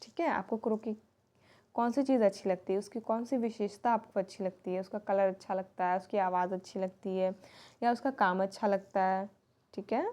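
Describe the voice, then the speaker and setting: A woman's voice: mid-range voice, fairly even intonation, dark tone. A woman teacher explaining a children's lesson, spelling words out letter by letter. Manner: reads English lines slowly, spells words letter by letter.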